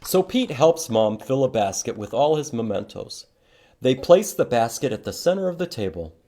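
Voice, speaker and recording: A man hosting a children's storytime, reading a picture book and teaching letters in simple, expressive language with questions for young listeners. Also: mid-range voice, normal speed. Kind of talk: children's storytime read-aloud and letter lesson.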